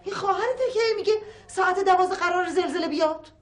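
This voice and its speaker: An actress playing a chatty, placating housewife and mother who speaks soothingly in a sitcom. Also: very high voice. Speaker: wife and mother. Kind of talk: TV sitcom acting.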